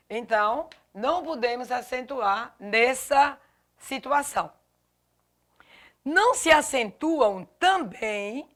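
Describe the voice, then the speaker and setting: A woman's voice: on the high side, fairly bright tone. A woman teaching a grammar lesson, spelling out letters and stressing each example word. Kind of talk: classroom lesson.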